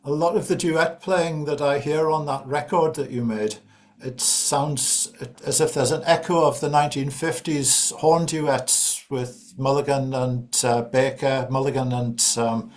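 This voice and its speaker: A man interviewing a guitarist, asking long, knowledgeable questions. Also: medium pitch.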